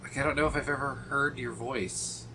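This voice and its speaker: A man's voice: mid-range voice, fairly even intonation, normal speed, background noise. A man streaming a video game, chatting casually with viewers and swearing freely at enemies. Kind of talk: casual live-stream chat while playing. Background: game music.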